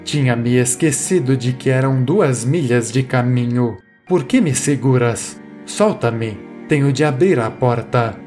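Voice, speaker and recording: A man voicing a frantic, desperate old woman who cries out and pleads in a story reading, with soft music behind. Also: mid-range voice, a little slow, hardly any pauses, lightly acted.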